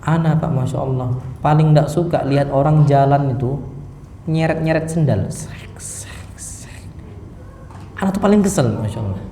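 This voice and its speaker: A man giving a lively mosque lecture to a seated audience, acting out sounds and stories as he preaches. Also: fairly high pitch, a little fast. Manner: lively, animated, acts out sounds and punchlines. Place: mosque hall. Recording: echoey mosque hall, faint noise.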